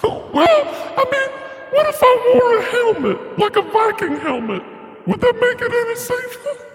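Casting: a shameless, scheming mama, formant-shifted, chipmunk-high. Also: very animated, measured pace, slight background noise, full character voice. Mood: wheedling. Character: shameless, gross, scheming old mother. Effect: formant shifted, pitched-up chipmunk voice. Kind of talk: improvised comedy sketch.

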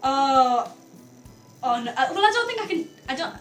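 A young Geordie woman co-hosting a student radio show, chatty and quick to giggle, her voice sitting a little high. The studio sounds roomy, with faint music underneath. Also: very animated. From North East England. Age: young adult. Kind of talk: casual radio chat.

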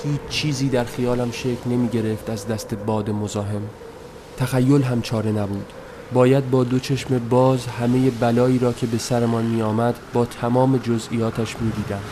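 A man reading a story aloud in a soft, measured, somber voice, as scripted narration. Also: mid-range voice, flat delivery. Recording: noisy recording.

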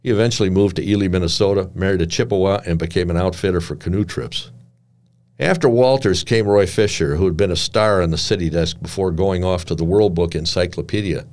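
Deep-voiced older man narrating a memoir. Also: fairly quick, a little mellow. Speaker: narrator reading his memoir.

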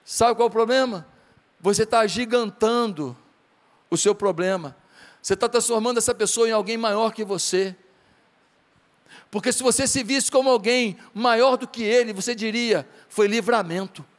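A high-pitched man preaches a sermon, slipping into little acted exchanges with his flock and rising into fervent calls to action. His voice rings with the long reverb of a church hall. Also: moderate pace. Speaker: pastor.

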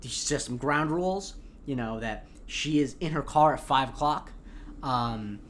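Rambling male podcast host, mid pitch. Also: measured pace, a bit bright, slight background noise. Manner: rambling, many fillers and restarts. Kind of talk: casual chat recapping a TV episode.

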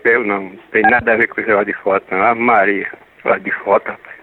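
A man's voice: lowish voice, little pitch movement, racing, a little hiss or hum. A man, heard over a landline phone, defensive and swearing as he answers a prank call. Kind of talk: phone conversation. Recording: tinny phone line.

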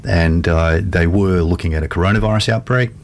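Male co-host: deep, flat intonation, measured conversational explaining, faint rumble behind. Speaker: radio show co-host. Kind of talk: conversational current-affairs discussion.

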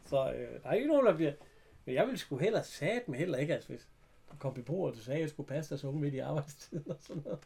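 A man's voice: on the high side, lively intonation, creaky, a little mellow, breathy edge. A man in casual conversation, eagerly retelling TV scenes and quoting characters, swearing offhandedly. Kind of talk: casual chat retelling TV episodes.

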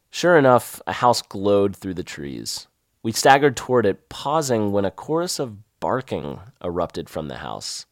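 A man with a Southern accent tells a story of his own in a wry, lively first-person way. His voice is on the low side but swings widely in pitch. The sound is dry and close. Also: dry recording.

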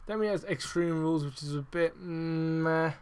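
Swearing, excitable podcast man. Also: fairly high pitch, normal speed, clean tone. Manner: heavy swearing, rambling with many fillers; excitable, emphatic. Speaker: podcast host. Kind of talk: casual wrestling review podcast.

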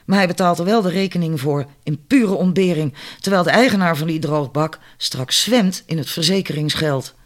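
A man's voice: on the high side, moderate pace, hardly any pauses, lightly acted. A man reading an audiobook, voicing a fiery, opinionated working-class woman who talks indignantly and bossily. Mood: indignant chatter. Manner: indignant, chatty, bossy.

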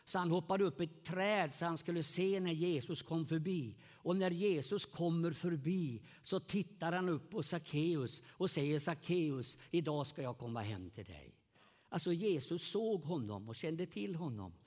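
Guy preaching in a big echoey hall, highish voice, gets loud then soft, keeps asking the crowd stuff. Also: few pauses. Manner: animated, swings loud and soft, asks the congregation questions. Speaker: pastor. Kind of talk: evangelistic sermon. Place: meeting hall with congregation. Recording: long hall reverb.

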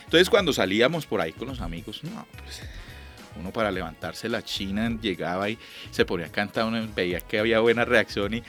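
A middle-aged Colombian man, a lyric singer, telling stories in a chatty, animated way during an interview, acting out the dialogue he recalls. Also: on the low side, a little fast, soft background music. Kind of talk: relaxed storytelling.

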